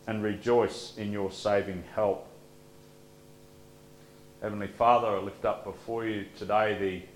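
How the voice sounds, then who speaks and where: A man leading liturgical prayers as pastor, reading in a measured, solemn way, his voice carried by the echo of a large church sanctuary. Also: fairly low pitch. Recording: echoey church room with faint hum.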